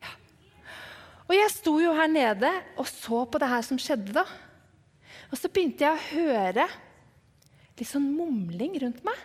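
A woman telling a Bible story to children as if she had seen it, lively and dramatic, dropping to hushed whispers for suspense. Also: high voice, pauses often. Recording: long hall reverb.

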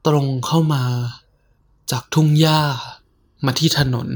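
A woman narrating a horror story in a hushed, suspenseful way. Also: low-pitched, fairly even intonation, slow.

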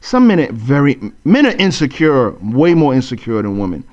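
A man's voice: medium pitch, big pitch swings, normal speed, a little mellow. A man co-hosting a podcast in casual debate, insistent and given to saying "you know what I'm saying". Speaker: podcast co-host. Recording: dull lo-fi podcast audio.

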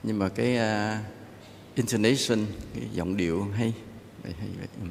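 Male monk, low gravelly voice, relaxed dharma talk, reverberant temple hall, faint ambience. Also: moderate pace, slight background noise. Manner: relaxed, conversational, gently joking. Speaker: Buddhist monk teacher.

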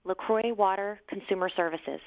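A woman's recorded phone message on a customer helpline, read in a polite, even and carefully enunciated way. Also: mid-range voice, moderate pace, heavy background noise. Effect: recorded phone message heard over a phone line. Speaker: automated helpline greeting. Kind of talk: scripted phone menu prompt. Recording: tinny phone line.

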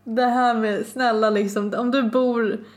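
Young woman, podcast co-host, frank, opinionated, fairly high voice. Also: fairly even intonation. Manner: frank, opinionated, quick to agree. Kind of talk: casual chat.

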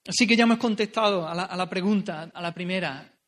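A man's voice: high-pitched, quick pace, a bit bright. A man preaching an earnest, pleading sermon, repeating phrases for emphasis.

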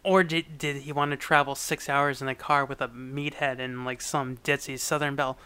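Woman, podcast co-host, giggly recapper with bright, smooth tone. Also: very deep voice, flat delivery, moderate pace. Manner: giggly, riffs into joking quoted voices. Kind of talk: casual chat recapping a TV episode.

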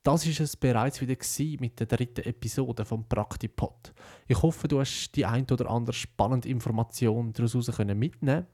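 A man's voice: mid-range voice, brisk, dark tone, faint music behind. A young man with a Swiss German accent hosting a podcast in a casual, conversational, reflective monologue. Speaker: podcast host, broadcaster intern.

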